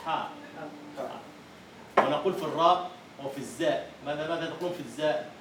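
Egyptian lecturer quizzing a class in an echoey hall. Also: male voice, fairly high pitch, fast, far from the mic, noisy background. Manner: quizzing students, repeating their answers. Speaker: university lecturer. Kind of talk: classroom lecture on Arabic prosody.

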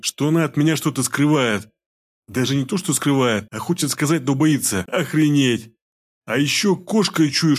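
A man voicing a coarse, domineering ex-convict gang boss who talks in rough barking slang. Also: medium pitch, close to an everyday voice.

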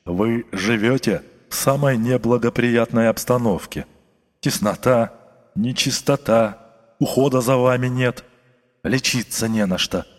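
A man voicing a kindly, sentimental older postmaster who pleads softly in a half-whisper. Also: mid-range voice, a little slow, close to an everyday voice. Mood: pleading. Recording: long reverb, faint music.

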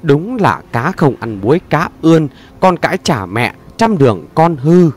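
A man's voice: a little high, very animated, measured pace. A man doing a scolding, blunt middle-aged mother.

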